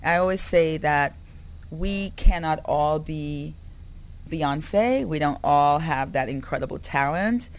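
Woman, Caribbean-born publicist guest, lower voice, animated and laughing. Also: slow. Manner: animated, laughing, repeats herself. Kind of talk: conversational interview.

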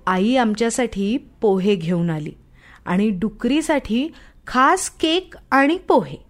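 A woman narrating a children's story in a slow, expressive way. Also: on the high side. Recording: soft background music.

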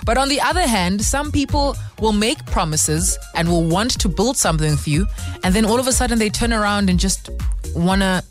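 A woman's voice: mid-range voice, lively intonation, normal speed. A woman with a South African accent hosting a radio phone-in, conversational and encouraging, speaking straight to listeners. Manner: sympathetic, encouraging, addresses listeners directly. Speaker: radio host. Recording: studio radio over music bed.

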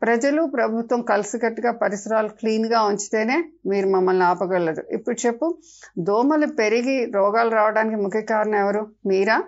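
A woman's voice: on the high side, moderate pace, highs cut off, close to an everyday voice. A woman voicing a swarm of cheeky mosquitoes that scold and lecture in a storybook tale. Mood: lecturing.

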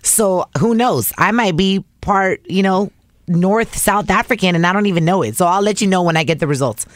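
A woman's voice: mid-range voice, moderate pace, no echo. A woman co-hosting a casual podcast, chatty and laughing easily, slipping Spanish phrases into her talk. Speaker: podcast co-host. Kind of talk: casual chat.

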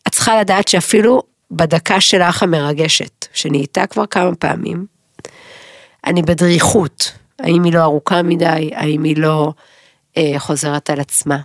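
A middle-aged woman co-hosting a podcast in casual chat, rambling, emotional and quick to joke. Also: deep voice, fairly even intonation, gravelly, no room sound, studio quality. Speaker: podcast co-host.

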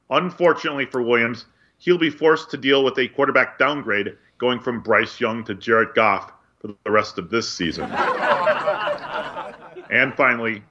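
A man's voice: medium pitch, sharp tone. A man co-hosting a sports podcast, reading news and chatting casually with a dry, wry delivery. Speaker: podcast co-host. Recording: dull lo-fi sound.

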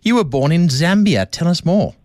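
A man's voice: fairly high pitch, big pitch swings, moderate pace, darkish tone, no room sound, studio quality. A South African man hosting a radio sports talk show, chatty and enthusiastic. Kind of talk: radio interview.

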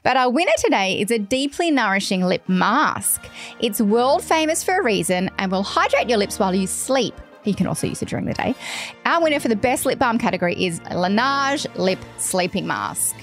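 A woman's voice: on the high side, big pitch swings, moderate pace, faint music behind. A woman hosting a beauty podcast, chatting casually and announcing the winners in an upbeat way. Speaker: podcast host.

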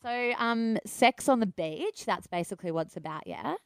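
A woman's voice: a little high, expressive, moderate pace, clear, resonant tone, dry recording, studio quality. An Australian woman in her thirties with a cold, interviewing casually in an informal, gushing way. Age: 30s. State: sick with a cold. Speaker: radio interviewer.

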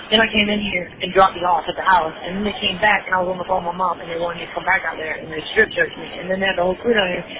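A woman's voice: on the low side, steady tone, very fast, hardly any pauses, a crowd in the background. Woman on a tinny jail phone call. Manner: blunt, profane, rambling. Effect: recorded jail phone call. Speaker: jail inmate. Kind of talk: casual phone chat.

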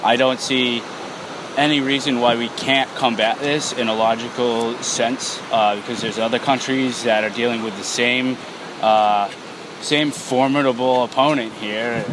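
Male eyewitness, shaken and halting, unscripted account, mid-pitched voice over clear outdoor noise. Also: fairly even intonation. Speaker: eyewitness interviewee. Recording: noisy outdoor field recording.

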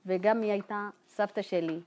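A woman from Ethiopia telling her own life story to a group in a halting, informal way, full of fillers and re-enacted dialogue. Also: medium pitch, steady tone, darkish tone. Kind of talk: personal testimony told to a group.

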